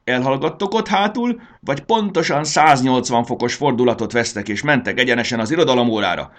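A man's voice: mid-range voice, lively intonation, pitched above the performer's own voice, close to an everyday voice. A man voicing a stern old bespectacled protractor teacher who scolds the class. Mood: scolding. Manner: scolding, loud.

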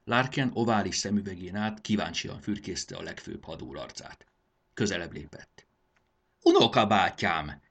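A man's voice: low voice, vocal fry, a bit bright, husky. A man narrating a storybook expressively, doing voices for the characters.

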